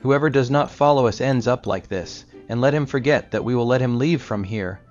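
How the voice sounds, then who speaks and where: A man's voice: medium pitch, a little fast, natural voice. Guy reading nasty village thugs in a storybook, mocking and threatening, midrange voice. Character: menacing stick-carrying village bullies. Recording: slightly dull recording with soft music.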